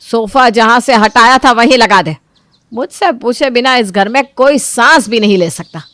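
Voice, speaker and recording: A woman voicing a domineering middle-aged mother-in-law in a cartoon story, scolding loudly and giving orders. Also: a little high, moderate pace, clean tone, dry recording, voice pushed up, close to an everyday voice. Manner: scolding, loud and commanding.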